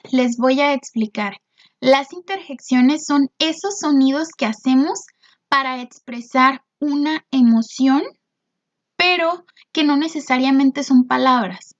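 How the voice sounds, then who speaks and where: A woman teacher with a high voice walks through a video lesson in a patient, explanatory way. She keeps checking in with her students and fills her pauses with little hesitations. The recording sounds dull and lo-fi. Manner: frequent "este" fillers.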